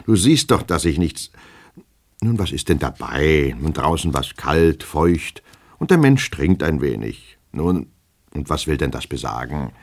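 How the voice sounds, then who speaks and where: A man's voice: sing-song, unhurried, husky, full character voice. A man putting on a fretful, fussy old-world clerk. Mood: wheedling. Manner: anxious, shrill when scolding. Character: fretful fussy middle-aged male clerk.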